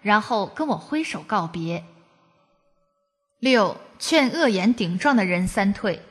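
A woman's voice: medium pitch, animated, takes it slowly, slightly rough, big-room sound. A woman from China reading a first-person testimony aloud, in an earnest, preachy storytelling cadence.

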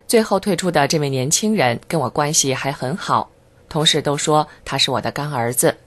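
A reader giving a scripted first-person narration in an even, measured voice, steady and earnest with fervent emphasis. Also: medium pitch.

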